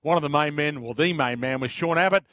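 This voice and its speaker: A man's voice: on the high side, quick pace, a bit bright, no room sound, studio quality. An Australian man hosting a sports radio show in a conversational style.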